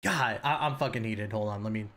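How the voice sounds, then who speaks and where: A man's voice: lowish voice, brisk, a bit bright, a little hiss or hum. A male streamer furiously ranting and swearing while reacting to online drama. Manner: angry, profane, ranting.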